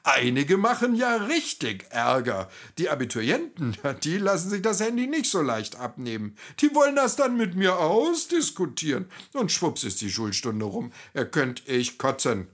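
A man voicing a loud, jovial middle-aged male vocational teacher with a booming, hearty laugh and a chummy, boisterous way of talking. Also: huge pitch swings, moderate pace, hardly any pauses, heavily acted. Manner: boisterous, chummy, talks over others.

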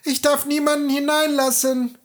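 High timid young girl, as a storyteller puts her on, obedient, fairy tale reading. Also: flat delivery, normal speed, close to an everyday voice.

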